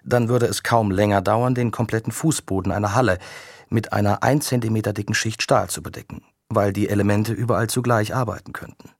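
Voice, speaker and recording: A man reading a calm, patient young scientist. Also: lowish voice, a little fast, no room sound, studio quality. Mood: explaining. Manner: calm, explanatory.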